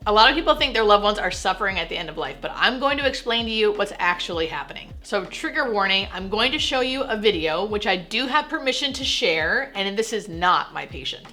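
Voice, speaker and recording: A woman's voice: mid-range voice, expressive, a little fast, hardly any pauses, sharp tone, soft background music. A woman speaking as a hospice nurse and video host, explaining things to camera in plain, reassuring words.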